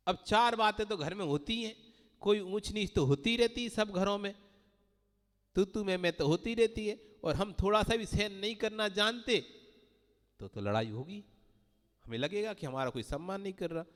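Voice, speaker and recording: A man's voice: high voice, expressive, normal speed, fairly bright tone. A man giving a Hindi-language sermon as a Jain monk, telling parables and acting out the voices of the people in them. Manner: storytelling, acting out quoted voices. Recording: long hall reverb.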